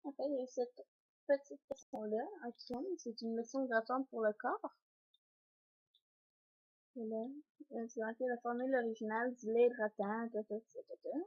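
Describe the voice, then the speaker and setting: A young woman with a Québécois accent talks casually through her beauty products, hesitant and full of fillers, often clearing her throat. Her voice sits a little high and husky. The recording is dull and lo-fi, like a home camera. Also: steady tone, moderate pace, long pauses, darkish tone. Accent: Québécois French. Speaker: beauty vlogger. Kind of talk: casual unboxing vlog. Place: home, indoors by a sunny window.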